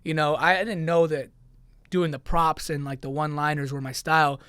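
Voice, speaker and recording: A man's voice: on the high side, steady tone, brisk, fairly bright tone, clear, resonant tone, dry recording. Chatty young man, dry studio sound. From Queens, New York. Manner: loose and chatty, lots of "like" and "you know". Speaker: podcast guest, content creator. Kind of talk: casual interview chat. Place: podcast studio.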